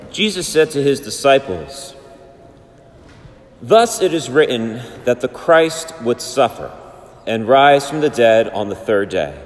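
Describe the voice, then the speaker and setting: A parish priest from Brooklyn, New York, reading the Gospel and preaching a Sunday homily in an unhurried, plainspoken way, heard in a cathedral echo. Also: male voice, medium pitch. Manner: unhurried, plainspoken, with casual fillers. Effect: cathedral echo, long church reverb. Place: large church sanctuary. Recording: long reverb in a large church.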